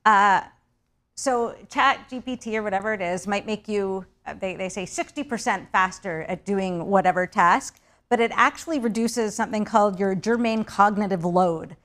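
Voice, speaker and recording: Animated woman hosting a studio panel. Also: medium pitch, normal speed. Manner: animated, gestures while explaining. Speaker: talk show host. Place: TV studio with city backdrop set.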